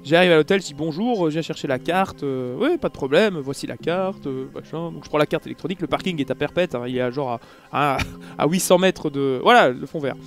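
A man from France telling a casual vlog story, animated and full of fillers, acting out the people he talks to. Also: on the high side, a little fast, faint music behind. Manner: animated, acts out dialogue, many fillers. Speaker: YouTuber recounting an event.

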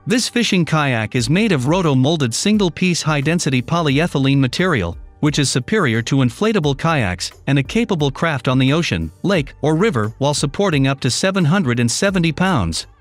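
A man giving scripted voice-over narration for a product review, in an even, read-aloud listing delivery. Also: fairly high pitch. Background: faint background music.

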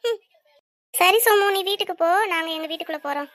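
A woman voicing a cheeky, shrill little cartoon girl. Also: fairly quick, a bit bright, dry recording. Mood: scornful. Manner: teasing, scolding, chatty asides to viewers. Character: cheeky young girl, bold and sharp-tongued. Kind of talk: cartoon voice acting.

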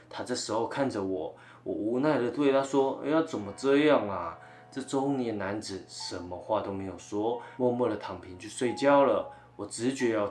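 A man narrating a ghost story as channel host, telling it in a dramatic, animated way. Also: medium pitch. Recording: roomy, faint background music.

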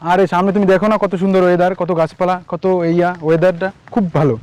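A man playing a smooth-talking coaxing lover. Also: high voice, fairly even intonation, rapid-fire, a little mellow, lightly acted. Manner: coaxing, wheedling. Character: smooth-talking young man luring his girlfriend. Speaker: actor in a short amateur drama. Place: outdoors among trees.

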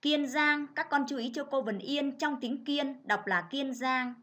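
A woman teacher leads a reading lesson for children. She reads in a clear, measured, instructive way. Her voice sits a little high. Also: fairly bright tone. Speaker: primary school teacher.

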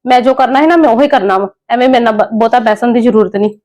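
A woman playing a kindly middle-aged lady of the house who soothes and gently lectures her maid, in a family drama skit. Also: fairly high pitch, very fast, close to an everyday voice. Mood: stern. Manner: soothing, gently scolding, preachy.

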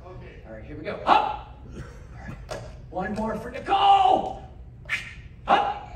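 A man with a high voice and wildly swooping pitch speaks at a slow pace, with a little hiss or hum on the recording. Performing as a stage juggler in a large cruise-ship theater, he delivers live comedy patter while joking with and coaching audience volunteers. The echoey recording was made from far off and includes the audience.

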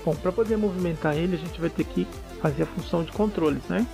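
A man walks through code in a casual screencast tutorial. His voice sits a little high and carries a gravelly edge. Faint music plays underneath as he explains each step. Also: fast. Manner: relaxed, explains step by step with frequent "né?" checks. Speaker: programming tutor.

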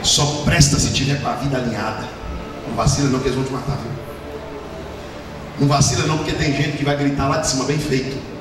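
Fervent shouting preacher in an echoey hall. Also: male voice, fairly even intonation, fast, long pauses, a crowd in the background. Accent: Brazilian Portuguese. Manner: fervent, swings from low murmurs to shouted peaks. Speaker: pastor. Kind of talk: sermon. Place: large church hall. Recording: echoey hall, distant mic, background noise.

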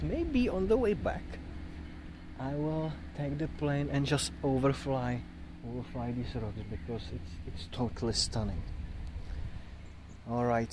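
A man in his thirties talking casually and enthusiastically to a phone at arm's length outdoors. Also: a little high. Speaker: pilot and vlogger. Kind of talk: enthusiastic casual vlog talk. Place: outdoors on grass airfield. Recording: noisy outdoor phone recording.

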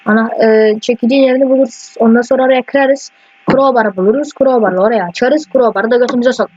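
A man doing casual let's-play commentary, rambling and excitable, often swearing at the game. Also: very high-pitched, fast talker. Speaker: gaming YouTuber. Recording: dull lo-fi mic with faint hiss.

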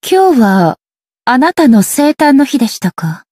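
An actress voicing a stern, ageless female shogun deity in a video game, speaking in a formal, measured, detached way. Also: sits high, very animated, darkish tone, no echo, clean studio sound, exaggerated voice. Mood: gentle, formal. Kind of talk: scripted video game character voice lines.

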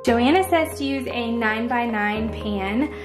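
A cooking vlogger walks through a recipe in a casual, friendly, chatty way, her voice on the high side and a little slow. The room sounds echoey, with background music underneath.

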